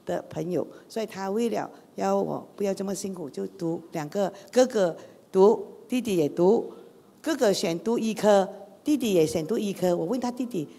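A woman's voice: medium pitch, normal speed, gravelly, dark tone, slightly rough, in a large hall. A middle-aged woman gives a chatty church testimony. She tells her story with many rhetorical questions. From Malaysia. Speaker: guest speaker.

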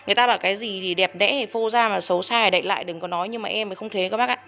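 Woman, orchid seller, very fast talker, indignant, repetitive, casual sales talk. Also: mid-range voice, creaky, a bit bright. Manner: indignant, repeats herself, addresses viewers as elders.

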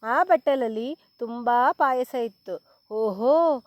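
A woman reading a children's story aloud in a slow, clear, expressive storytelling manner. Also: a little high, no room sound, studio quality.

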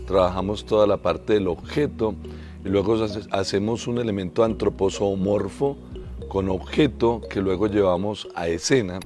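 A man, a theatre teaching artist, explaining his workshop in a measured way. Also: low-pitched. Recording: soft music underneath.

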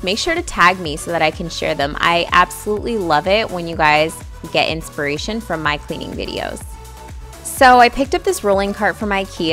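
A woman's voice: on the low side, a bit bright. Friendly young woman narrating a vlog. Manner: friendly, addresses viewers directly. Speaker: vlogger. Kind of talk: voice-over narration for a cleaning vlog.

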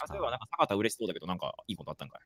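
Easygoing male radio host, very animated pitch, laughs a lot, dry studio mic. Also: racing, dry recording. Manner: easygoing, laughs often, leads the show's segments. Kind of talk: casual radio banter.

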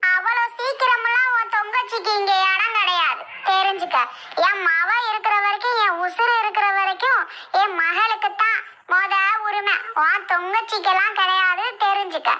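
Lady doing a shrill old mom, scolding everybody, super high and piercing, family fight skit. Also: steady tone, moderate pace, sharp tone. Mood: defiant. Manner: scolding, taunting, high-pitched. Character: shrill older mother fiercely backing her daughter.

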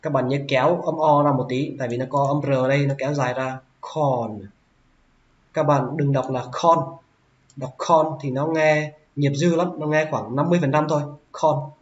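A man teaching English vocabulary, who says each word slowly and repeats it several times. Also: a little high, fairly even intonation. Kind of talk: vocabulary lesson. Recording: roomy, dull lo-fi sound.

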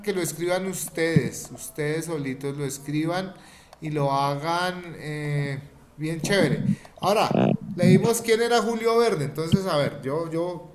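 A man's voice: fairly high pitch, very noisy. A man teaching an online class, patiently repeating each step for children. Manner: patient, repeats steps slowly, coaxing.

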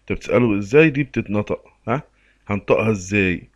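A man with an Egyptian Arabic accent teaching an English lesson, reading the English slowly and explaining in quick bursts. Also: on the low side, expressive, no echo, dull audio. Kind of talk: recorded lesson for a workbook.

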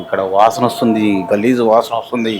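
An actor playing a defensive young husband with a Telangana Telugu accent, complaining and impatient. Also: male voice, fairly low pitch, steady tone, fast talker, a crowd in the background, natural voice. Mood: grumbling.

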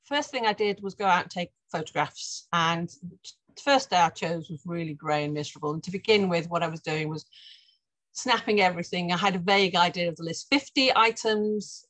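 Low-voiced woman showing her paintings. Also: fairly quick, fairly bright tone, dry recording, poor audio. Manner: chatty, restarts often, self-correcting. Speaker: guest artist. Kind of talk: presenting slides in an online talk. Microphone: video call.

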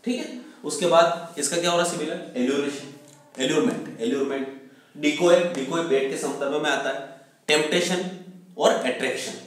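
A man teaching a vocabulary lesson. He tells stories, asks questions and answers them himself, and says definitions slowly. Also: fairly high pitch. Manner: mixes Hindi with slowly spoken English definitions. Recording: very echoey room, voice from far off.

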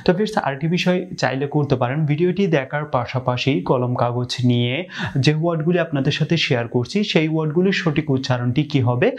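A Bangladeshi man teaching English pronunciation in a video lesson, speaking slowly with frequent pauses and repeating each word for drilling. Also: fairly high pitch, dull audio.

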